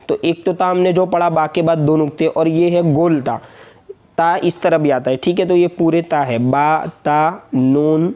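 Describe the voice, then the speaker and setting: A man with an Indian Hindustani accent teaches Quran reading step by step. He has a dark, mellow voice with a flat, level pitch. He drills the letters slowly and patiently, syllable by syllable. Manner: frequent checking asides. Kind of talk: step-by-step recorded lesson.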